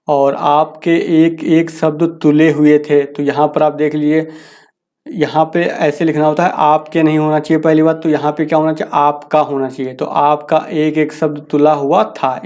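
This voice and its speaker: A man teaching a grammar lesson, reading each sentence slowly and then explaining the correction casually. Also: fairly high pitch, darkish tone.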